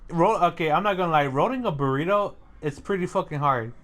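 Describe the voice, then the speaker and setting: A young man co-hosting a casual podcast, relaxed and swearing freely, laughing as he tells work stories. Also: a little high, brisk. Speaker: podcast co-host. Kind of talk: casual chat.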